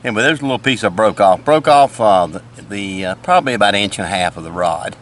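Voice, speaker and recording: A man's voice: on the low side, expressive, fast talker, fairly bright tone. An older retired man, chatting casually in a folksy, plain-spoken way as he fishes and demonstrates things outdoors by a lake. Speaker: fishing vlogger.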